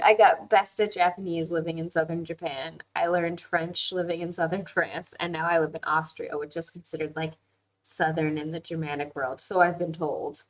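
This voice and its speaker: A lowish female voice comes through a low-quality recording as she hosts a casual live class online. She reads viewers' comments and talks through them in a candid, chatty manner, full of "um" fillers and easy laughs.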